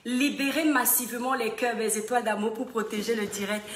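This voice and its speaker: High-voiced woman live-streaming. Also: a little fast, a little hiss or hum. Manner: greets viewers by name, sings snatches. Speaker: livestream host. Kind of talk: casual live-stream chat. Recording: echoey room with music behind.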